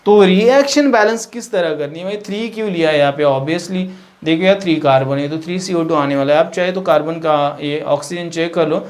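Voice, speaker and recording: A man's voice: a little high, fairly quick. A male science teacher who works through a chemistry lesson at the board, thinking aloud with fillers and self-corrections.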